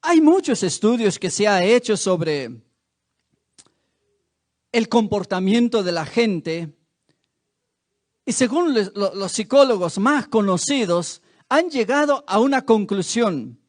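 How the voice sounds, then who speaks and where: In a church, a male preacher with a high, very lively voice delivers a sermon slowly. He tells the story dramatically and keeps turning to the congregation with rhetorical questions.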